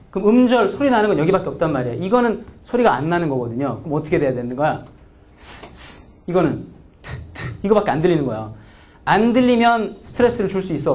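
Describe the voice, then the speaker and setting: A man lectures on English grammar with a high voice that leaps up and down. He keeps asking the class questions and sounds out example words syllable by syllable. He slides between casual and polite speech. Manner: lively, asks students frequent questions; acts out pronunciations.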